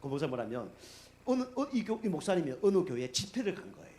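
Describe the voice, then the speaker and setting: A middle-aged man preaching as a pastor in a church, telling stories in a casual, animated way and acting out the people he quotes. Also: fairly high pitch, fast. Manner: animated, acts out quoted speech, many fillers. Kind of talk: conversational sermon storytelling. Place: church sanctuary.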